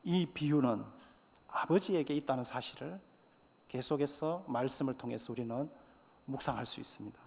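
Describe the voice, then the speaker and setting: A man's voice: mid-range voice, normal speed, gravelly, darkish tone, in a large hall. A man preaching a sermon as pastor, earnest and fond of rhetorical questions.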